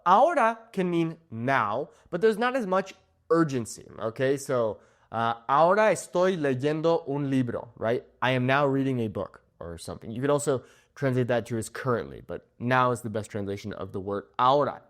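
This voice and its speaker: A man's voice: mid-range voice, animated, normal speed. A young man giving a casual video lesson on Spanish, often checking in with "okay?" as he explains. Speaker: Spanish teacher.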